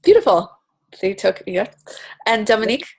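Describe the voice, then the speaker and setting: A woman with a gravelly, creaky edge to her mid-pitched voice hosts a casual online session. She is upbeat and chatty and welcomes each guest by name. The sound comes through a video call. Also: very animated, fairly quick. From Romania. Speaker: host of an online coaching session.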